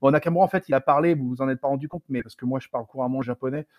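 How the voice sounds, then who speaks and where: A man's voice: mid-range voice, very fast, dry recording, dull audio. A man co-hosting a wrestling podcast, chatting playfully and cracking jokes. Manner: playful, joking, animated. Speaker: podcast co-host. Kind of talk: casual podcast chat.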